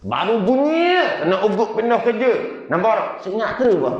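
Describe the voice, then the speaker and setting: A male preacher from Sarawak, a native Bidayuh speaker, tells stories with joking asides in a rather high voice. His talk rings with heavy echo in a large mosque hall, and the recording sounds dull and lo-fi. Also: fairly quick. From Sarawak, Malaysia. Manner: storytelling, jokey, lively asides. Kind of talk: humorous mosque lecture.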